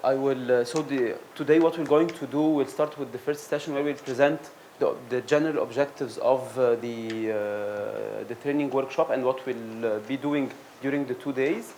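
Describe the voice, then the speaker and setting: Man, workshop instructor, halting lecture style, lots of fillers and restarts, mid-pitched voice, workshop room. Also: darkish tone, slight background noise. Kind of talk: lecture introduction.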